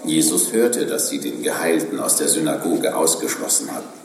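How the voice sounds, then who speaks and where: Deep-voiced man narrating scripture. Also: a little hiss or hum. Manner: measured storytelling. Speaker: scripture reader. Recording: roomy distant sound with music.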